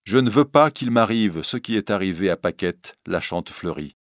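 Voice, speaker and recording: A man's voice: low voice, animated, moderate pace, dry recording, clean studio sound. A man voicing a frightened mother who pulls her small son away, anxious and breathless. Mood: fearful.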